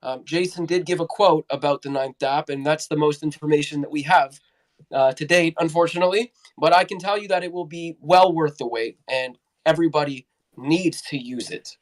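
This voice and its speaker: A man's voice: a little high, normal speed. An upbeat, teasing man co-hosting a casual live audio chat. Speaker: co-host for the company.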